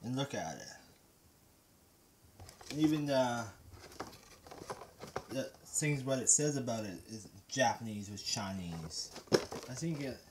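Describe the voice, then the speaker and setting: A man's voice: medium pitch, animated, slow, long pauses, background noise. A man vlogging casually to the camera, rambling and hesitant with restarts, somewhat out of breath, recorded on a handheld camera mic. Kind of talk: casual vlog talk to camera.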